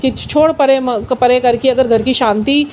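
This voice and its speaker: High-voiced earnest woman. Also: unhurried, darkish tone, a little hiss or hum. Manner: earnest, personal, mixes English phrases. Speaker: satsang speaker. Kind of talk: casual spiritual talk.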